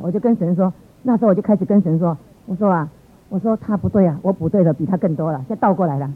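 Middle-aged woman telling her story, tinny sound. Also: fairly high pitch. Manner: lively, exclamatory, laughs often. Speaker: church member giving a testimony. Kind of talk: personal testimony storytelling.

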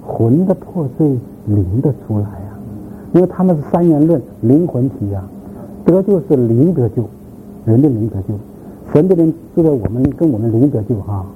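A man's voice: medium pitch, lively intonation, moderate pace. A man giving an informal lecture to a class, rambling with repeated words and filler sounds and putting questions to the listeners. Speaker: lecturer on church history. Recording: tinny phone-like sound, faint background noise.

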